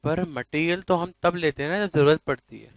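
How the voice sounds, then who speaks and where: A man's voice: fairly high pitch, a little fast, dry recording, poor audio. A male commerce teacher lecturing a class playfully, often checking that students follow and mixing English phrases into his talk.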